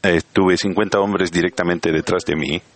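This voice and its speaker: A man giving a spoken interpretation of a church sermon in a measured, steady way, with small slips now and then. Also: low voice.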